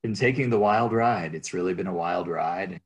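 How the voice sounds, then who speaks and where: A man who works as a real estate agent, telling rambling, animated stories about his career in an interview. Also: low voice, normal speed, lo-fi sound. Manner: rambling, restarts, animated anecdotes. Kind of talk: storytelling in an interview.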